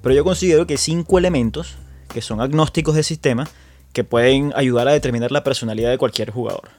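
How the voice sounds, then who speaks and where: A male podcast host with a Venezuelan Spanish accent chats casually about tabletop gaming, frequently restarting and repeating words. His voice is medium-pitched, fast, and darkish in tone, with faint music behind it.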